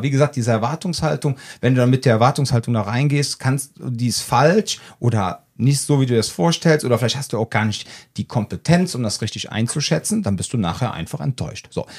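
A man's voice: mid-range voice, darkish tone. A man co-hosting a podcast as a self-defence trainer, chatting casually and telling anecdotes with little quoted dialogues.

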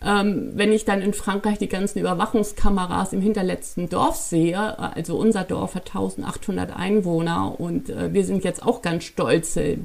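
Husky-edged Hamburg woman, thoughtful and measured. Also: on the low side, fairly even intonation, darkish tone. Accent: Hamburg German. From Germany. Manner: thoughtful, frequent filler pauses. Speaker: guest, travel journalist and author. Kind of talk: conversational interview answers.

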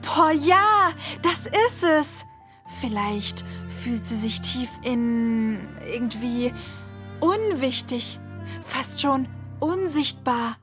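A woman voicing a kind young friend who talks in a gentle, thoughtful way. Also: high voice, animated, drawn-out words, music in the background, full character voice. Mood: pondering.

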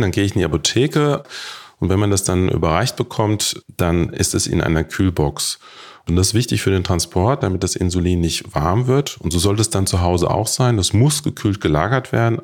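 Ein Arzt erklärt ruhig und sachlich, wie man Insulin spritzt und lagert. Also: low-pitched. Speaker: diabetes doctor. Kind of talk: explaining to camera.

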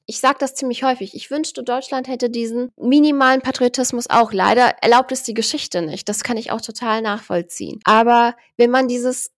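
A woman from Berlin talking in a casual, reflective chat, often pausing to search for the right words. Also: fairly high pitch. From Berlin, Germany.

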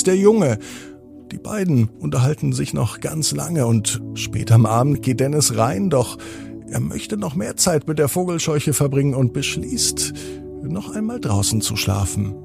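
A man narrating a bedtime story for children in a gentle, unhurried storyteller manner. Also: a little high, animated, vocal fry, over music.

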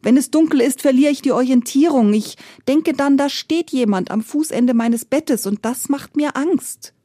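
A woman storyteller voicing a grown man who is afraid of the dark, speaking anxiously. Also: sits high, normal speed, dry recording, clean studio sound, pitched above the performer's own voice. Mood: frightened. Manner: anxious, pleading.

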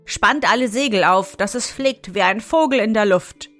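A woman reading aloud, voicing a loyal, shrewd servant in a fairy tale, measured and persuasive. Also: mid-range voice, a bit bright, soft background music, lightly acted.

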